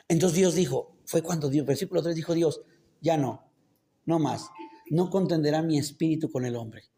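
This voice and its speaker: Man, pastor in church, high voice, very animated pitch, keeps asking the crowd questions. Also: vocal fry. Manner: keeps quizzing the congregation with rhetorical questions; colloquial, joking asides. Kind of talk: sermon.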